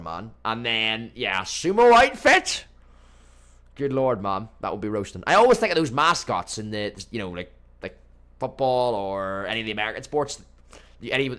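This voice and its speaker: Casting: young male streamer, casual watchalong chatter, mid pitch, calls viewers boys and mate. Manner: chatty, addresses chat as boys and mate, bursts into excited match reactions. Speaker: livestream watchalong host. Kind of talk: casual live football watchalong chat. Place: home streaming room.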